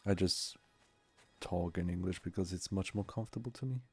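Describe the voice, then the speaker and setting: A man's voice: low-pitched, moderate pace, slightly rough, soft background music. A man whose first language is Turkish, chatting casually with viewers while streaming a game and musing aloud.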